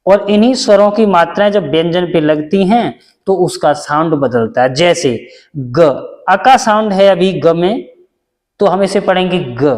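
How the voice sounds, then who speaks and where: This is a high-voiced Indian man recorded in a large hall, teaching an elementary lesson. He is patient and repetitive, walking through each step more than once and answering his own questions.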